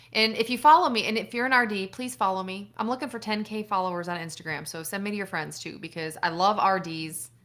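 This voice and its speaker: There's a bright, forceful quality to this fairly low female voice, belonging to a middle-aged doctor from Buffalo in upstate New York. Chatting casually on a live stream, she takes viewer questions, laughing often and swearing now and then.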